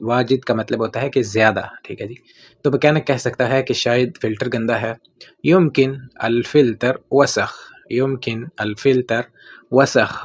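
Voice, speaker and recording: A man giving a casual lesson on everyday Arabic phrases, saying each phrase slowly and repeating it before explaining it, often adding a friendly "theek hai ji". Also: medium pitch, husky. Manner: pleads with viewers to watch and share. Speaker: Arabic language teacher.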